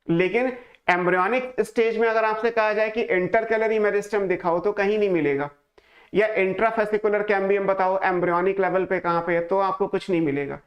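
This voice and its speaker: The recording is muffled as a man with a high voice gives an online class lecture. He breaks the material down step by step, asks questions and supplies the answers himself, and slips English phrases into his Hindi.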